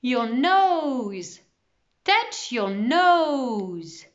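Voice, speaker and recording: A woman voicing a cheerful male English teacher who shouts and barks short phrases. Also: high voice, sing-song, slow, highs cut off, exaggerated voice. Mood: cheerful insistent.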